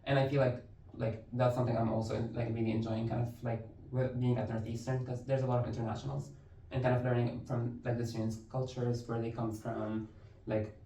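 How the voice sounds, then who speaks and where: A man's voice: medium pitch, little pitch movement, a little fast, mellow, slight background noise. Casual young man from Lebanon, roomy distant sound. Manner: easygoing, fills speech with "like" and "it's like". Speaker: university instructor, podcast guest. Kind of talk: casual interview conversation.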